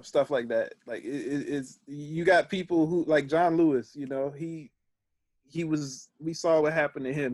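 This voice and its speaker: A man co-hosting a casual podcast, his voice a bit high. He rambles and halts, trying to find his words. The recording is dry and close, with no room echo. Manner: rambling, halting, with light laughs. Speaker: podcast co-host.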